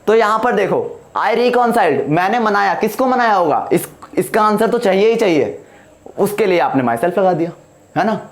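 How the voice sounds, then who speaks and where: A man with a fairly high voice teaches English grammar in a classroom. He explains slowly, repeats his points and keeps checking with the class through questions. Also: lively intonation. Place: classroom with whiteboard.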